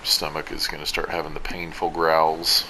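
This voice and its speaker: A man's voice: extremely low pitch, monotone, normal speed, bright, forceful tone, a little hiss or hum. A tired, sleepy man giving rambling, self-deprecating commentary over his own gameplay recording. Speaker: gaming video commentator.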